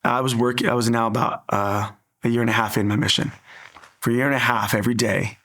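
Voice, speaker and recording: A man's voice: medium pitch, fairly even intonation, fast talker, fairly bright tone. A man sharing an earnest personal faith story in an interview, acting out the dialogue as he tells it.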